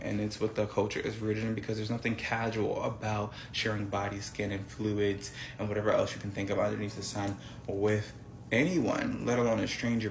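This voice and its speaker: A man giving an earnest opinion monologue, deliberate and emphatic as he lists his points. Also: vocal fry. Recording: noisy, rumbling background.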